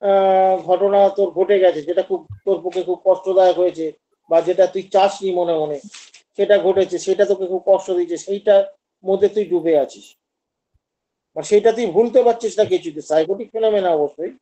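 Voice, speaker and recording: Male teacher, high pitch, online class, explanatory and demonstrative. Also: steady tone, a little fast, warm tone, highs cut off. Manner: explanatory, acts out patients' lines. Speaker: homeopathy teacher.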